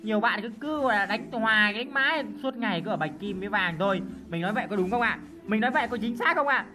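A woman, hosting a gaming channel with playful, excitable gameplay commentary. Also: mid-range voice, fast talker. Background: background music.

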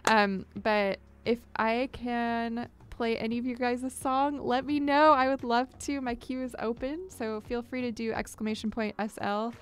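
This young woman's voice is on the high side and clean, with a flat delivery at a measured pace and almost no pauses. She's chatting casually to viewers on her live music stream from a small home studio, close to a large boom-mounted studio microphone and wearing headphones. Her manner is chatty and upbeat, and she greets viewers with squeals.

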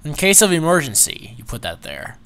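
Excitable man chatting while gaming. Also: a little high, brisk. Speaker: channel host, game player. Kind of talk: casual gaming chat.

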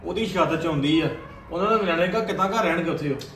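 A man's voice: a little high, fast talker, a bit bright, roomy sound, soft background music. A young man playing a stubborn, defiant son. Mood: arguing. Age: young adult. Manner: stubborn, argumentative. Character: stubborn young son defending his uncle. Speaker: son in a family drama. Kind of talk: web series family drama acting.

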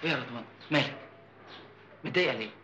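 An actor playing a young merchant son and jealous husband, speaking with an Egyptian accent, boastful and then furious. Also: male voice, medium pitch, racing, sharp tone, highs cut off, a little hiss or hum, lightly acted. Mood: tender. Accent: Egyptian Arabic. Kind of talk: 1980s Egyptian film acting.

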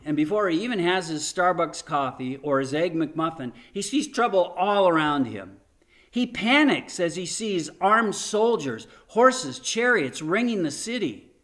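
A man's voice: high voice, big pitch swings, a little slow, a bit bright. An older man giving a sermon from home into a webcam, retelling a scripture story with earnest emphasis. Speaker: pastor. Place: home room in front of a framed painting.

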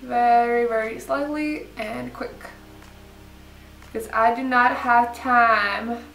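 A woman's voice: on the high side, fairly even intonation, takes it slowly, vocal fry, fairly bright tone. Young woman, roomy makeup tutorial voice. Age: young adult. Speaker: beauty vlogger. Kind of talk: makeup tutorial, casual chat. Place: indoor room set up for filming, backdrop. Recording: roomy, slightly distant mic, music behind.

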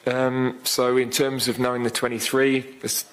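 This is a football manager in his fifties at a post-match press conference, using a desk microphone and speaking in a measured, pensive manner with lots of fillers and restarts. Medium in pitch, his delivery is flat, and the recording sounds rough.

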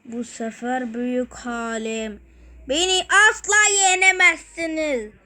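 Villain robot in a game video voiced by a woman, gloating, high voice, slow delivery. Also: sharp tone, full character voice. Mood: taunting. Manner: gloating, taunting. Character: boastful villain robot that keeps coming back.

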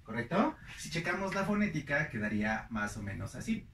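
A man's voice: mid-range voice, sing-song, fairly quick, fairly bright tone, reverberant, a little hiss or hum. A young man teaching English pronunciation, repeating each word several times with stress. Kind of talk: slow, deliberate pronunciation lesson.

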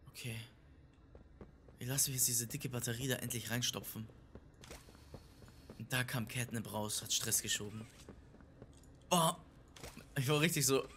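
Excitable man commentating a game. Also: medium pitch, slight background noise. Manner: excitable, repeats himself, swings from shouting to muttering. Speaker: let's player. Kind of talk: live gaming commentary.

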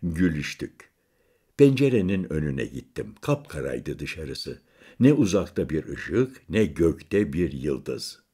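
A man narrating a literary audiobook in the first person, measured and slowing on quiet images. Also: extremely low pitch, big pitch swings, slightly rough.

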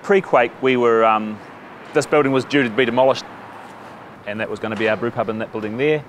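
A man's voice: mid-range voice, fairly quick, background noise. Upbeat New man listing the menu. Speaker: brewery staff member. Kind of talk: documentary interview.

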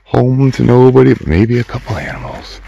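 A man's voice: mid-range voice, lively intonation, fairly quick, creaky, mellow, dull audio. A man casually hosting an exploration vlog with a laid-back, folksy way of talking, recorded outdoors on a handheld camera. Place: abandoned shack in night woods, outdoors.

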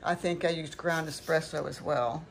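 An older woman hosts a craft tutorial at home in her kitchen, chatting casually and rambling a little while correcting herself as she demonstrates. Her voice sits low, with fairly even intonation at normal speed. The home recording is clearly noisy, with clicks.

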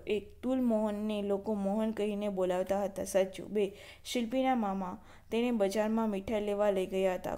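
A woman teacher reading out workbook questions and answers one by one. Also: mid-range voice. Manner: steady question-and-answer reading, numbering each item.

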